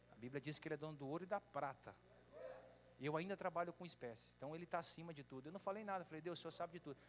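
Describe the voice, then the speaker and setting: A high-voiced man from Brazil preaches in a church hall, his voice ringing with a long echo. He tells stories and acts out the other people's lines, while a faint hum runs underneath. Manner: storytelling, acts out dialogue with mock voices. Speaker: bishop preaching. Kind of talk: sermon with humorous anecdotes.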